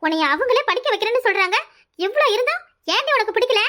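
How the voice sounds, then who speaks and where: A scheming, bossy village mother from a cartoon squeals her scolding in a very high, piercing tone, voiced by a woman. She speaks with a Kanyakumari Tamil accent and a rapid, nagging rhythm. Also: expressive, full character voice. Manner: shrill, scolding, fast, rising to yells. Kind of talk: cartoon voice acting.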